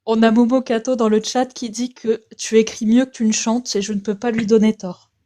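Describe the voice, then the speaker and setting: A woman's voice: on the high side, level tone, brisk, mellow. A woman joining a stream as a guest, chatting casually with a dry, teasing tone. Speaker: co-host guest. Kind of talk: casual chat.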